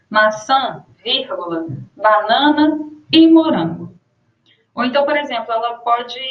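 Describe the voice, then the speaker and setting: A young Brazilian woman teaching a grammar lesson, explaining rules and slowing down to read out her examples. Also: on the high side. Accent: Brazilian Portuguese. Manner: explains with spoken examples, slows to dictate punctuation. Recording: roomy muffled lo-fi room sound.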